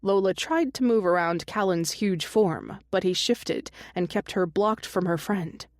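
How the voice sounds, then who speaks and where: A woman's voice: medium pitch, unhurried, no room sound, studio quality. A woman narrating a romance audiobook, reading every character herself with small shifts in her voice.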